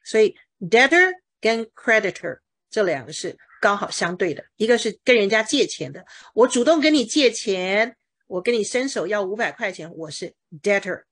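A woman's voice: medium pitch, animated, normal speed, a bit bright. A woman teaching English pronunciation, explaining patiently with everyday examples and drilling words with her student. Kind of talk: pronunciation lesson.

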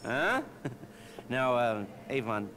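A man's voice: mid-range voice, animated. Hesitant older hacker man, noisy backdrop. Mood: hesitant, businesslike. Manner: halting, hesitant, easily irritated. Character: hesitant, exasperated older male hacker fixer. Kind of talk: video game voice acting. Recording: noisy game ambience behind voice.

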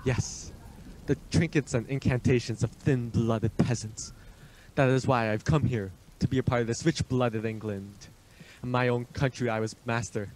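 An actor playing a suave, imperious Transylvanian vampire count in a radio play, speaking with formal, deliberate, ominous politeness. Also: male voice, medium pitch, fairly even intonation, darkish tone, a little hiss or hum, close to an everyday voice, low-quality recording. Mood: fervent, proud.

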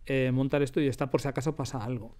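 A man with a Spanish accent in a radio studio, explaining in a quick, self-correcting way during a casual interview. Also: mid-range voice, steady tone, a little mellow. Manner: quick, explanatory, corrects himself mid-sentence. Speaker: radio drama production team member.

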